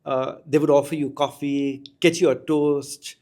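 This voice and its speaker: A middle-aged man speaks with an Indian accent in a somewhat high-pitched voice. He is an articulate, reflective storyteller, sharing anecdotes as a podcast guest. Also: flat delivery, measured pace, a little mellow. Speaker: podcast guest, school educator. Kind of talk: anecdotal interview talk.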